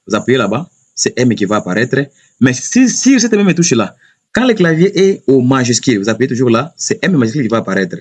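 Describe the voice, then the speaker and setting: A computer teacher gives a spoken lesson, explaining slowly and step by step, often repeating himself and pausing on fillers. His mid-range voice is very animated and slightly rough.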